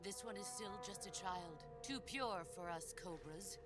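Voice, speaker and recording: A woman playing a solemn, commanding veteran soldier in a video game, speaking with calm authority. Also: on the low side, a little slow. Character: solemn, commanding female legendary soldier, traitorous mentor. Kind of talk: video game cutscene acting. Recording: game audio under very loud music.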